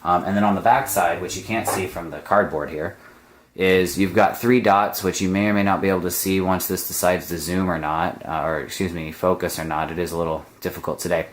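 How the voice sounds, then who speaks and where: A man's voice: deep voice, steady tone, a little fast. A man casually demonstrating and explaining a product, chatty, with lots of ums and uhs. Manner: explanatory, filler-heavy, chatty. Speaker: product reviewer. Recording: echoey room.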